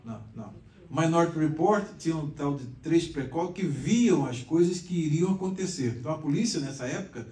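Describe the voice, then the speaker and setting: A man's voice: a little high, expressive, brisk, dark tone. A man with a Brazilian accent teaching a conversational Bible class, explaining and asking the class questions. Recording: echoey room, mic far off.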